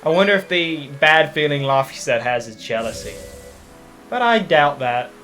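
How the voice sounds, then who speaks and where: A man hosting a let's play, giving relaxed, casual commentary with chuckling asides. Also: on the high side, normal speed. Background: game music.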